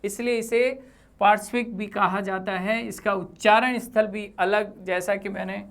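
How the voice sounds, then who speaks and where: A woman teaching Hindi grammar for exam preparation over slides, saying each sound slowly with example words. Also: mid-range voice, steady tone. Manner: slow, deliberate, spells out sounds with example words. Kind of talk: exam-prep lesson.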